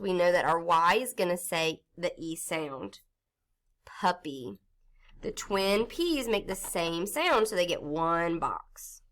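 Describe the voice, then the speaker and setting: A woman's voice: lowish voice, fairly bright tone. A woman teaching a recorded phonics lesson to young children, patiently sounding out letters step by step and reading a storybook aloud in an encouraging way.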